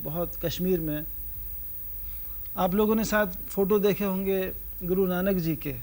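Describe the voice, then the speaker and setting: High-voiced man teaching sarod. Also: a little mellow. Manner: asks the audience questions, sings sargam syllables. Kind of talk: lecture-demonstration to students.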